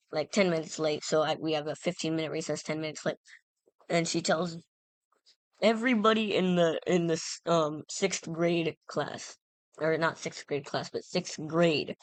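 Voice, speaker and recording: A woman with a low-pitched voice spins a goofy school anecdote in a loose, meandering way, stopping to correct herself and toss in fillers. Her tone is playful and self-mocking. The sound is dry and close, with no room around it. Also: moderate pace, no echo. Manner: rambling, self-interrupting, frequent fillers and "right?". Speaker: storyteller. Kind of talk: casual anecdote telling.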